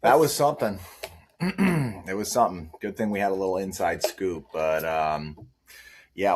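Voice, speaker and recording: A young man co-hosting a podcast, telling stories in a hesitant, rambling way with restarts. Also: sits low. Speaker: co-host. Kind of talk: casual chat.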